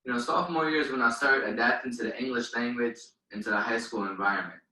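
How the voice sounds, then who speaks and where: A man's voice: mid-range voice, quick pace, pushed and bright, echoey room, far from the mic, poor audio. A young man from Palestine, a native Arabic speaker, giving an earnest, formal valedictorian speech at a graduation. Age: young adult. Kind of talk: commencement speech.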